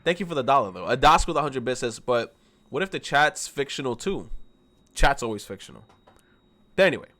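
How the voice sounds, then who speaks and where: A young man livestreaming a game, reading the dialogue aloud, then chatting with viewers in an excitable, profane way, laughing often. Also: mid-range voice, fairly quick. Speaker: streamer. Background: loud game music.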